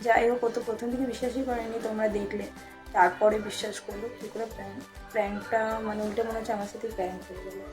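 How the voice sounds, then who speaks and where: A woman with a Bengali accent vlogging in a casual, chatty way, loud and animated, sometimes dropping to a hushed aside. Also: mid-range voice, fast, music in the background. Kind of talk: casual vlog chat.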